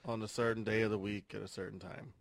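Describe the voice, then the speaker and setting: A man from Oklahoma giving short, calm replies in a casual chat. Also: on the low side, quick pace, creaky, no echo. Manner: calm, brief, dry replies.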